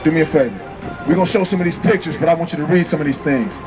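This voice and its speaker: A man's voice: on the high side, racing, music in the background. A man preaching on a city street at night, fiery and slangy, calling for responses from his listeners. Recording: noisy street crowd.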